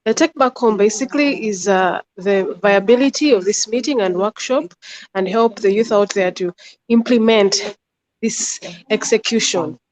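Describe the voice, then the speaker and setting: A woman from Uganda, a youth delegate, listing her points briskly. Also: mid-range voice, darkish tone, rough recording.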